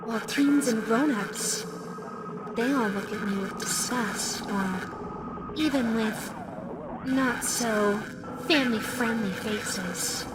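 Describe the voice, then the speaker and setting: In an audio roleplay, a woman voices a flirty, menacing female animatronic fox, speaking to the listener in a playful, coy, teasing way. Her pitch is fairly high and her pace slow. The low-quality recording has music in the background.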